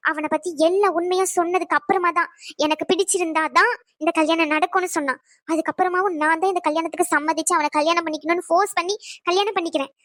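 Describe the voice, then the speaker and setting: Woman voicing a fiery squeaky young bride. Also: fairly even intonation, no echo, clean studio sound. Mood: defiant. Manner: sharp, indignant rapid scolding. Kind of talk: cartoon voice acting.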